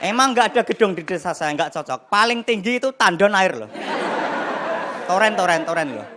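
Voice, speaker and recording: Young man doing high-pitched stand-up. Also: normal speed. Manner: animated storytelling with acted-out voices and sound effects. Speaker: stand-up comedian. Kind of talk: stand-up comedy set. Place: television studio stage with live audience. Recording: noisy broadcast with loud crowd laughter. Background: audience laughter.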